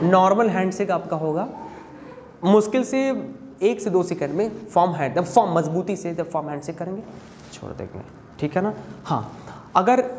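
A man's voice: high-pitched, a little mellow, muffled recording. Male teacher lecturing in an echoey classroom. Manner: quizzes students and drills pronunciation. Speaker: spoken-English and interview-skills teacher. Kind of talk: classroom lecture mixing Hindi and English. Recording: echoey classroom, faint hum.

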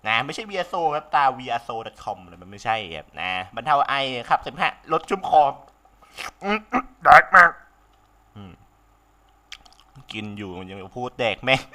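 Young guy with a sore throat yelling through a game, pitch jumping all over, bright punchy voice, swears a ton. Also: moderate pace. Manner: excitable, swears freely, laughs often. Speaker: game commentator. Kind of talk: casual let's-play commentary.

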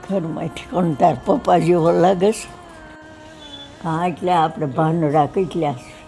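An older woman, chatting slowly and softly with her son at home on a veranda swing. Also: deep voice, fairly even intonation, gravelly, faint music behind. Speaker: vlogger's mother. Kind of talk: casual family chat.

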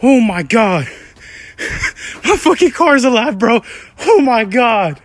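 A man in a casual vlog, overwhelmed with excitement and repeating himself. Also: very high voice, takes it slowly, no echo.

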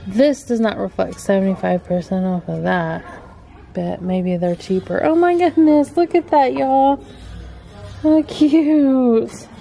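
A middle-aged vlogger films a chatty shopping trip through a home decor store on a handheld camera, gushing over cute items. Her slightly high voice is slow, gravelly and mellow, with soft music in the background.

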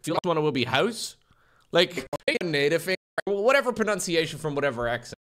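A young man with a bright, higher voice and big pitch swings talks at normal speed while streaming and editing a video from a small room at home. He chats casually and jokingly, reads chat aloud and is set up with a desk mic, headphones and webcam framing.

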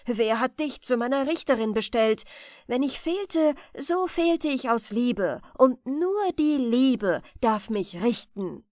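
Proud fairy rat, solemn and measured, voiced by a woman, a little high. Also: expressive, dry recording, studio quality. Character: proud, dignified female rat who is a fairy.

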